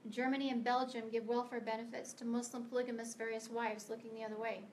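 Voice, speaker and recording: As a guest author, a middle-aged woman from the United States gives a prepared speech to a meeting in a library meeting room, speaking fast with a slightly high voice and little pitch movement. She is earnest and emphatic, sometimes stumbling and restarting, while faint noise hums beneath.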